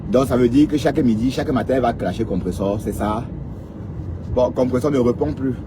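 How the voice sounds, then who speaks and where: This man, medium in pitch, talks briskly against background noise as he casually breaks down online drama live. Addressing viewers directly, he repeatedly throws in a rhetorical "hein?".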